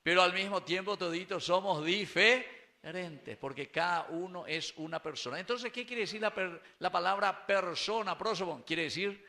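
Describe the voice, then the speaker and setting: A man's voice: sits high, normal speed, bright, forceful tone. A man with a Paraguayan Spanish accent preaching a sermon at Mass in a small chapel, putting questions to the congregation and slipping into Guaraní words. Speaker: priest. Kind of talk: sermon at a live-streamed Mass.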